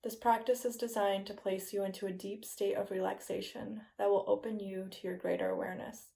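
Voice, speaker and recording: A woman guiding a yoga nidra meditation in a slow, soothing, hypnotist-like manner with soft phrase endings. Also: mid-range voice, little pitch movement, creaky. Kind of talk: guided meditation, scripted relaxation narration.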